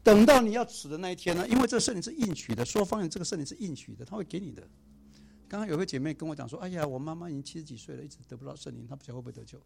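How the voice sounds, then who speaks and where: A man preaching a sermon in a conversational way, swinging between emphatic points and soft, quiet asides. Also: on the high side, lively intonation, rapid-fire, vocal fry, husky.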